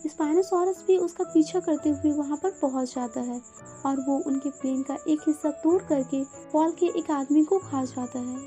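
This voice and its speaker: A woman narrating a film plot as a steady, scripted recap. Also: sits high. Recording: voice-over with faint background music. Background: faint music.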